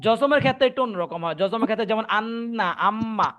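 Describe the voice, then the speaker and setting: A man's voice: high-pitched, quick pace, lo-fi sound. A man teaching Quran recitation in an online class, patiently repeating points and checking that students understand. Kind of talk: online tajweed class explanation.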